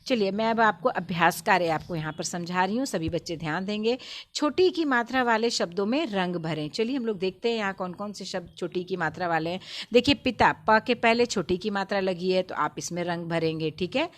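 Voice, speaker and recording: A woman teaching a Hindi lesson to young children in a video. She speaks patiently, repeats words slowly and stresses each sound. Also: on the low side.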